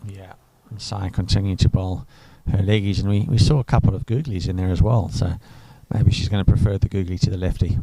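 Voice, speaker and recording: Male cricket commentator, low mellow voice, dry close sound, rambling and chatty. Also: fairly even intonation, brisk, hardly any pauses, no echo, low-quality recording. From South Africa. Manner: chatty, rambling, enthusiastic asides. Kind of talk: live sports commentary.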